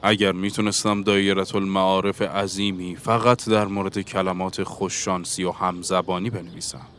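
A man's voice: low-pitched, flat delivery, fairly bright tone, slight background noise. A man reading the part of a bookish Englishman, earnest and lecturing, in an audiobook. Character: bookish Englishman seeking a universal language.

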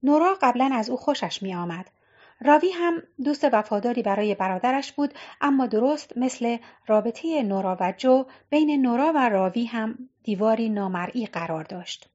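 A woman narrates an audiobook in a measured, even way. Her voice sits fairly high. The recording sounds dull and lo-fi. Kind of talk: scripted narration.

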